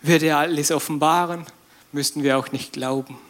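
A man preaching a sermon in a lively, conversational way, with casual slang and sudden bursts of loud emphasis. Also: fairly high pitch, normal speed.

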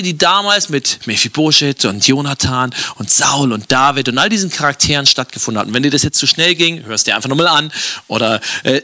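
A man gives a devotional message in a casual, enthusiastic tone with a fairly high voice. His delivery is bright and lively, and the sound is dry and close to the mic. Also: no room sound. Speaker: preacher. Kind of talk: devotional sermon.

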